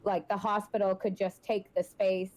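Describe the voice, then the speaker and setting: A woman's voice: mid-range voice, little pitch movement, moderate pace, a little mellow, rough recording. A woman running a tabletop horror game as game master, narrating and reading out found texts with frequent hesitations. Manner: hesitant, many ums and restarts.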